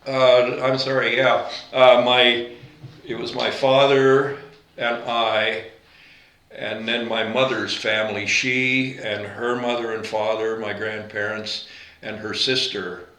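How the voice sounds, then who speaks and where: A man in his eighties, born in Latvia, recalling his life in an oral history interview, unhurried and halting with fillers and self-corrections. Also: mid-range voice, little pitch movement, pushed and bright, echoey room, low-quality recording. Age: 80s. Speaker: veteran interviewee.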